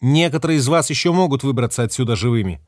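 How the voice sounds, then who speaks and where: A man's voice: mid-range voice, animated, fast talker, no echo, studio quality, natural voice. A man voicing a fierce, defiant young woman ship captain who talks sharply and curses. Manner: sharp, cursing, hissing. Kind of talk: audiobook character voice.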